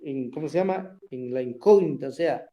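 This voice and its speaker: A man teaching a language class online, explaining slowly and often checking in with his students. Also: mid-range voice, mellow. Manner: slow, explanatory, asks "verdad?" often.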